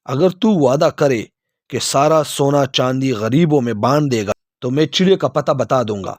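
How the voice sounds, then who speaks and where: A man voicing a talking mountain that speaks in a measured, solemn way in a storybook tale. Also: medium pitch, animated, dry recording, clean studio sound, lightly acted.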